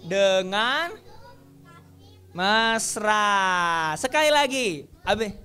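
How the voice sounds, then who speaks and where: Slow, high-voiced woman teaching Sunday school. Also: animated, fairly bright tone, soft background music. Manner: leads children in counted verse recitation; playful, acts out children's voices as examples. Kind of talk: children's Bible lesson. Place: church Sunday school class.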